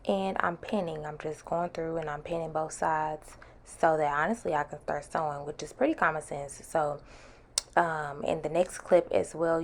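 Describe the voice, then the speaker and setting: A sewing vlog host talks viewers through a tutorial in a casual, chatty voice-over, calling them y'all. She has a low voice with vocal fry, and her speech is slightly slurred by the retainer she has in.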